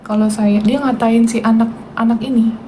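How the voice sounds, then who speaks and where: A woman's voice: on the high side, level tone, moderate pace, mellow, a little hiss or hum, rough recording. A woman, hosting a casual livestream and talking indignantly and directly to her viewers. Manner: indignant, talks straight to viewers. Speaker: livestream host.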